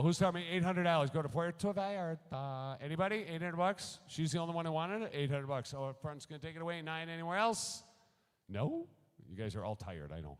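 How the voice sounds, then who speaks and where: Fast-talking male auctioneer in a hall. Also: fairly high pitch, smooth. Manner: rapid-fire bid calling, joking with bidders. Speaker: charity auctioneer. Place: large hall at a school gala. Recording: long hall reverb.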